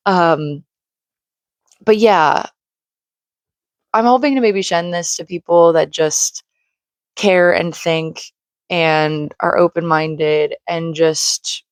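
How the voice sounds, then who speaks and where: Late-20s woman vlogging at home, says like a lot, voice a little crackly, lowish, dry. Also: dry recording. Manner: rambling, heavy use of "like", earnest. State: slightly crackly voice from screaming. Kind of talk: casual personal monologue. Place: home room by a shared wall.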